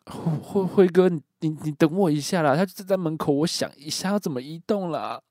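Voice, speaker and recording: A man's voice: medium pitch, moderate pace, mellow, no echo, clean studio sound, voice pushed up, close to an everyday voice. A man voicing a terrified young man who stammers in panic on a phone call.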